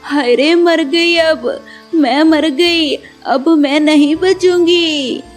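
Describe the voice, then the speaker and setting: A woman's voice: high voice, slow, darkish tone, faint music behind. A woman voicing a scheming, scolding mother-in-law bird in a cartoon, with dramatic wailing. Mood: fake wailing.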